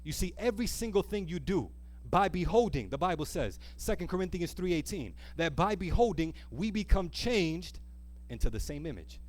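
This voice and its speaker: With a high voice that swings widely in pitch, a man preaches at a moderate pace during a live church service. His sermon is earnest, mixing scripture readings with rhetorical questions and elongated key phrases for emphasis.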